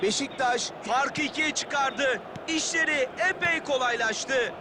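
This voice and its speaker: A man calling a football match play by play, raising his voice to shouts on attacks and goals. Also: very high-pitched, takes it slowly. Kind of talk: excited match commentary. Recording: loud stadium crowd noise over commentary. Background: roaring stadium crowd.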